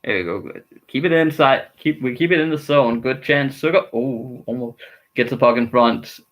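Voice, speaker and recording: A man's voice: medium pitch, normal speed, highs cut off. Male streamer, casual live hockey reactions, rambling and frustrated with his team, mid-range voice. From Denmark.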